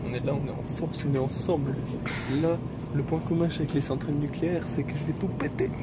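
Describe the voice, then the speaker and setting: A young man with a slightly high voice chats casually as he vlogs, excitable and full of slang. He jokes freely, and loud vehicle noise runs all through the recording. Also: normal speed. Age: young adult. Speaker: vlogger. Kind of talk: casual chat to camera and friend. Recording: noisy vlog audio with loud vehicle rumble.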